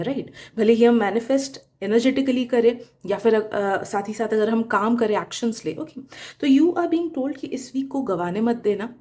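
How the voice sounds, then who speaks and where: Mellow-voiced woman giving tarot advice. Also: fairly high pitch. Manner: coaching, mixes Hindi and English, frequent "okay?" check-ins. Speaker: tarot reader. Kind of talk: weekly tarot guidance to viewers.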